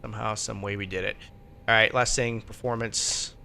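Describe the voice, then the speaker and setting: A man's voice: fairly even intonation, normal speed, gravelly, sharp tone. A man streaming as a virtual pilot, casually thinking aloud and muttering to himself as he works through steps. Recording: faint background noise and low rumble.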